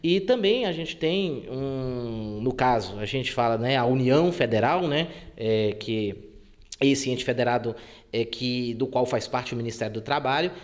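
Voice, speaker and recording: A man from Brazil, a labor court judge, answering interview questions in a measured way with frequent filler words. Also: mid-range voice.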